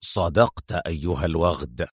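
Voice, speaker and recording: A man voicing a calm, menacing male general who talks slowly in sarcastic, mocking tones, pitched below his own voice. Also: slightly rough, no echo, studio quality. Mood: stern.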